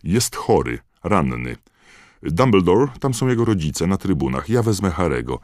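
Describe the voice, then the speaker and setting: A man putting on a loud, rattled official in a storybook reading, pushed up high above a very deep, husky base voice, the sound dry and close. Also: sing-song, very slow, dry recording, heavily acted. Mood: alarmed. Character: excitable male minister, loud and flustered.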